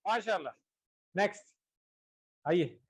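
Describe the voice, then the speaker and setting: A high-voiced man teaches a classroom lesson, praising his students and checking often that they follow. His tone stays encouraging and patient as he explains word by word. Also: lively intonation, slightly rough, rough recording. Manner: encouraging, repeats "theek hai" checks often. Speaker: Arabic teacher.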